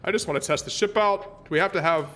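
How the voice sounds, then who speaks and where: A man's voice: high voice, quick pace, a bit bright, faint music behind. A man streaming a naval warship game, chatting casually and rambling with plenty of fillers and restarts. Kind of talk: casual gameplay commentary.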